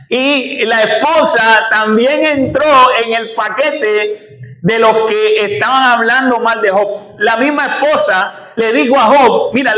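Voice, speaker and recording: High-voiced male pastor preaching in an echoey church. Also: pushed and bright. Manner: preaching, calls congregation to repeat after him. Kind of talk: sermon.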